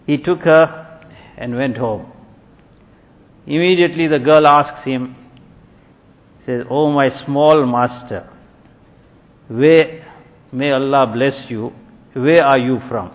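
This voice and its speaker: A man preaching a sermon, retelling a story and acting out its dialogue with rising emphasis. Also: mid-range voice. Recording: dull lo-fi recording with long hall reverb.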